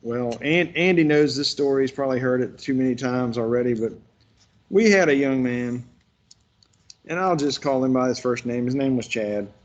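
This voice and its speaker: A man's voice: medium pitch, normal speed, dull audio. A man leading a workshop, telling folksy stories in a rambling way with lots of restarts. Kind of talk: casual virtual workshop instruction.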